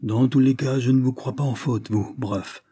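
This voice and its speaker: A man voicing a shrewd gentleman who questions people calmly and firmly. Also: mid-range voice, slightly rough, no echo, clean studio sound, lightly acted. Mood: probing. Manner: measured, questioning, firm. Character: shrewd gentleman adventurer, calm, probing.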